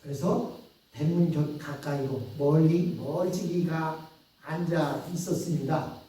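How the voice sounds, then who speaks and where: Brief: male pastor from Chungcheong, mellow dark voice, storytelling sermon, picked up far off in a booming church hall. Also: slow. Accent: Chungcheong Korean. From Chungcheong, South Korea. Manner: storytelling, asking the congregation questions. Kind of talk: Sunday sermon. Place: church sanctuary.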